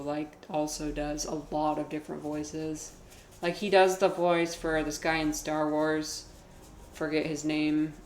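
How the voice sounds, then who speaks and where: A woman giving casual, rambling commentary as she plays a video game, with vocal fry in her voice. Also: low-pitched, reverberant, a little hiss or hum. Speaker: streamer playing a video game.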